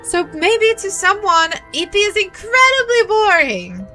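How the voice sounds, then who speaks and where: A woman streaming a visual novel, giving excitable, casual commentary with frequent swearing and laughter. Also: very high-pitched, a little slow, faint music behind. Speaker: VTuber streamer. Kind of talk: casual let's-play commentary.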